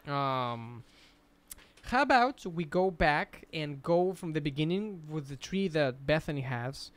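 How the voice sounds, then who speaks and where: A man's voice: on the high side, expressive, measured pace, fairly bright tone. A man hosting a casual history podcast, explaining at length with frequent restarts.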